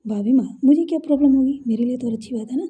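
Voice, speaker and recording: Playful, innocent young woman read by a female storyteller; husky, mellow tone. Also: sits high, rapid-fire. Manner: innocent, teasing, eager. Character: playful young businesswoman, childlike with family.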